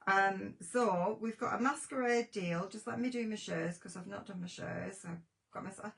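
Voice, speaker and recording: A woman chats on a live stream from home, her voice carrying a gravelly fry at a mid pitch. She sounds shaken and flustered, rambling warmly from one thought to the next. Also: normal speed, poor audio. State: shaken after a scare. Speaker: craft show host. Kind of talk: casual live-stream chat.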